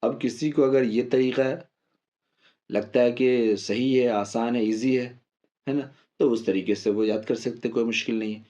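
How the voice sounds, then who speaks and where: A patient man teaches a step-by-step reading lesson. His voice is mellow and a little dark, and he slows right down to spell out each syllable and stretch the long vowels. The recording sounds dull and lo-fi. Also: mid-range voice, fairly even intonation. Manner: patient, repeats syllables slowly and drawn out. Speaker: Quran recitation teacher.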